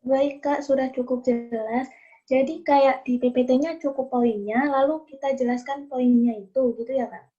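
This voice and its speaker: A young woman, a first-year student, answers briefly and politely in a high, mellow voice. The audio is dull and lo-fi. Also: steady tone, normal speed. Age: young adult. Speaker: new university student.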